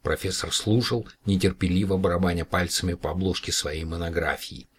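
A man's voice: low-pitched, steady tone, brisk, slight background noise. A man reading a novel aloud as an audiobook narrator, telling the story steadily. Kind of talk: scripted narration.

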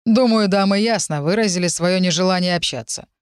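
A woman voicing a tall, calm, kind working man who speaks quietly but firmly, as in an audiobook. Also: on the low side, fairly quick, smooth, no room sound, clean studio sound, close to an everyday voice. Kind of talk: audiobook voice acting.

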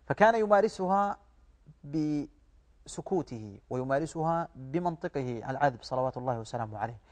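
A man speaking as a guest religious scholar, explaining in a didactic, rhetorical way in formal Arabic. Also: a little high. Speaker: guest Islamic studies scholar.

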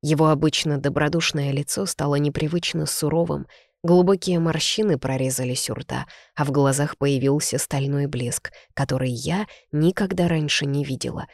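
An audiobook reader narrating a first-person novel in an even, unhurried manner. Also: mid-range voice, vocal fry, dry recording, studio quality.

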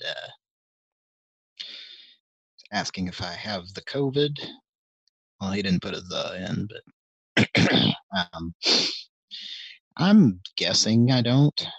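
A man's voice: low-pitched, gravelly, a bit bright, slightly rough, dry recording, highs cut off. A middle-aged man hosting a live stream, rambling in casual chat with many hesitations and wry, self-deprecating asides. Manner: meandering and hesitant, full of ums and restarts. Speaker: host of a live call-in stream.

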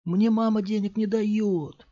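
A man's voice: fairly even intonation, a little slow, dark tone. A man voicing a small, shrinking grown man who pleads shrilly and angrily. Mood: desperate. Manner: pleading, shrill, breaking into a squeal. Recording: dull lo-fi audiobook recording.

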